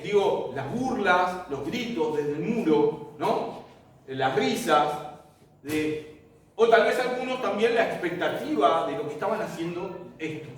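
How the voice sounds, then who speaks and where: A man with a high voice leads a Bible lesson, telling the story vividly and checking in with rhetorical questions. He sounds far from the microphone, and his voice rings through a strongly echoing room. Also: slight background noise. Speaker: Bible teacher. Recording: echoey room, mic far off.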